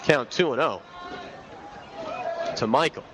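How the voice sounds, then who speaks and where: A young man does live radio baseball commentary from a broadcast booth at an outdoor stadium, his mid-range voice lively in intonation but slow in pace. He moves between terse recaps of the count and more flowing detail. The crowd is loud, with heavy stadium ambience throughout.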